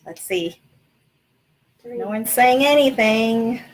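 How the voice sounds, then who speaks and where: A woman's voice: fairly high pitch, takes it slowly, slight background noise. Sri Lankan-born mother teaching her kids. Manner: patient, asks kids questions. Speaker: parent hosting a livestream lesson. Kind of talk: casual teaching chat with children. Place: small city apartment.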